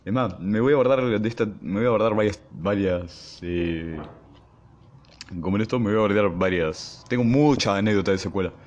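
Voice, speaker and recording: A young man with an Argentine accent, hosting his podcast and telling a school story in a casual, slangy, animated way. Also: on the low side, normal speed, lo-fi sound. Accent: Argentine Spanish. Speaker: podcast host.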